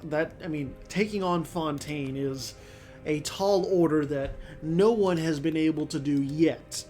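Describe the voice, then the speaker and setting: This strategy-game let's-play features a man with a fairly high, darkish voice, a sore throat, and a blocked nose. He rambles casually, mulling things over aloud and leaning heavily on fillers.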